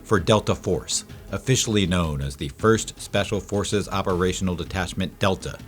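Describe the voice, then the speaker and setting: A man giving dramatic, measured scripted documentary narration, slowing down on key phrases. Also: deep voice.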